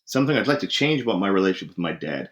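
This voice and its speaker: A man's voice: low-pitched, sing-song, very fast. A man, a podcast guest, speaking in an upbeat, easygoing way in a casual interview.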